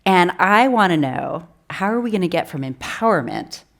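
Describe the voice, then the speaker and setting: A woman's voice: on the low side, animated, moderate pace, vocal fry, fairly bright tone. A woman hosting a live panel interview, asking thoughtful, probing questions. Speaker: host. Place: live event before an audience.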